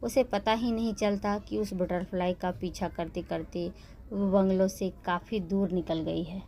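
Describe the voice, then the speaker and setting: A woman reading a romance story aloud with steady, even storytelling. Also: medium pitch, unhurried, slight background noise. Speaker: narrator. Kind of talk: scripted narration of a romance story.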